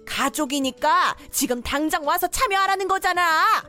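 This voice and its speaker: A woman plays a domineering middle-aged mother-in-law in a cartoon story drama, scolding without letup in a high voice. Soft music plays under her lines. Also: moderate pace. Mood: furious.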